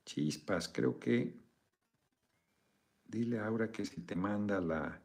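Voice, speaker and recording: A man's voice: on the low side, expressive, takes it slowly, creaky, darkish tone. A man with a Mexican accent hosting a casual live video chat, joking, swearing freely and thanking viewers for donations.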